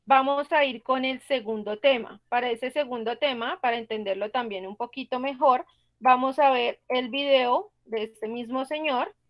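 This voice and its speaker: High-voiced woman teaching online. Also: dull audio. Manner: patient, explains step by step with questions to students. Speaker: English teacher. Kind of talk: online class explanation.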